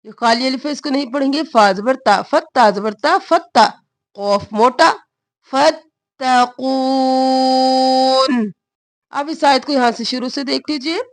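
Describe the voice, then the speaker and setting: A woman teaching Quran recitation, drawing out verses slowly and then explaining pronunciation rules in quick asides. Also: high-pitched, expressive, dry recording. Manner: slow drawn-out recitation alternating with quick explanations. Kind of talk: tajweed recitation lesson.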